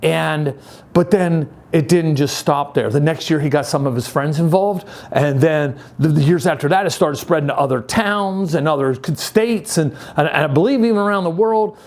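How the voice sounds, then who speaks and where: A man in his sixties giving a casual, upbeat youth-pastor style talk, conversational and halting, repeating phrases for emphasis. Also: on the high side. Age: 60s. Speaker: youth group leader.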